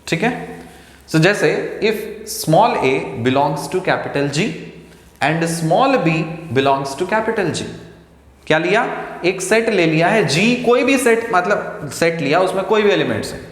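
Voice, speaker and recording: A man teaching a maths lecture, slow and deliberate, who asks the class questions and answers them himself. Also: high-pitched, lively intonation. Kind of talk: lecture mixing Hindi and English. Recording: echoey room with long reverb.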